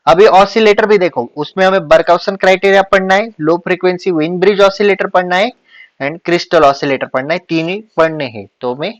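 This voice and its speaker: A male teacher giving an exam revision lecture, mixing English and Hindi and reading definitions slowly. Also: high voice, dry recording, muffled recording.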